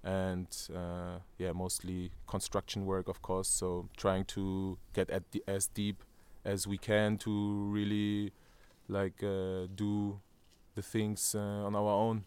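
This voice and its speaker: Interviewed on an outdoor terrace above a valley, a man from Germany in his thirties speaks with a German accent and many fillers and restarts. His deep, darkish voice is clear and resonant, totally flat, slow-paced and with hardly any pauses.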